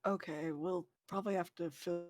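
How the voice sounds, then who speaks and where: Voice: medium pitch, steady tone, normal speed. A player in a tabletop role-playing game, speaking in character in a tentative, polite way. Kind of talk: in-character roleplay.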